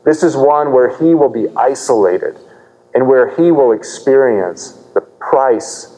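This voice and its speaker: A man's voice: medium pitch, takes it slowly, mellow, big-room sound, rough recording. A man preaching a sermon as pastor, explaining a scripture passage earnestly and posing rhetorical questions to the congregation.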